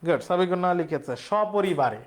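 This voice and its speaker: A young man teaching a live online class. He explains step by step, repeats key words, asks the class questions and reads examples slowly with a rising tone. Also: high voice, lively intonation.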